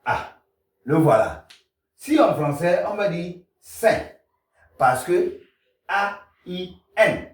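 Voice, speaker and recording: Guy teaching pronunciation super slow, voice jumps around a lot, echoey room, mic kinda far off. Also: a little high, darkish tone. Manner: slow, repetitive drilling of sounds. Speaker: language teacher. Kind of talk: pronunciation lesson.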